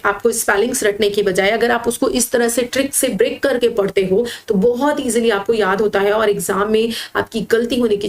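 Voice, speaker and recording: A woman teaching vocabulary with slides, patiently explaining and slowly spelling words syllable by syllable. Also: fairly high pitch. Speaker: English teacher for exam prep. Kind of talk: slide-based lesson.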